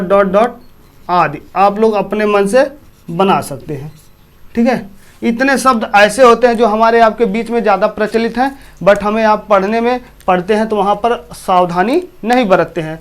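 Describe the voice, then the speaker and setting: Male teacher, eastern Uttar Pradesh accent; high, clean voice; repeats himself and questions the class. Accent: Hindi, from eastern Uttar Pradesh. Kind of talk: classroom lesson.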